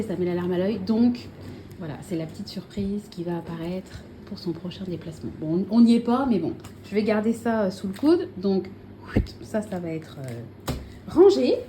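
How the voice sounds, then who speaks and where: A woman's voice: medium pitch, warm tone. Chatty woman vlogging over background noise. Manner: chatty, many fillers and self-corrections. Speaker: vlogger showing purchases. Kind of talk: casual chat to camera. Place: home.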